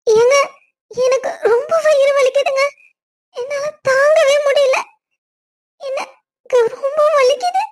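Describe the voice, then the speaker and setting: A woman's voice: extremely high pitch, expressive, normal speed, pauses often. A woman voicing a playful, teasing young wife in a cartoon story, coaxing and affectionate. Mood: fake pain. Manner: teasing, sing-song, coaxing. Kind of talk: cartoon voice acting.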